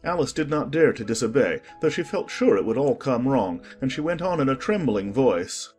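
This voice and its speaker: A man narrating a dramatized audiobook in an expressive storytelling manner. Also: normal speed, faint music behind. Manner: expressive storytelling, varied pitch.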